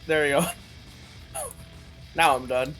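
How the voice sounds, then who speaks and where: A player in a tabletop role-playing game, chatting casually and excitably. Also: mid-range voice, takes it slowly, faint music behind, rough recording.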